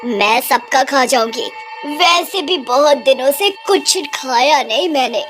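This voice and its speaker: A menacing witch who cackles and gloats over her prey, as a woman puts her on. She comes from a storybook cartoon and speaks high with a lively swing. Loud music plays beneath her. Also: unhurried. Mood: gloating. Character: hungry menacing female witch, later remorseful.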